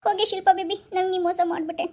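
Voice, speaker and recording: A woman's voice: extremely high pitch, fairly even intonation, very fast, a little mellow. A woman voicing a melodramatic, heartbroken young husband in a comic skit, whining and pleading. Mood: wailing. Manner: whiny, pleading, over-the-top lament.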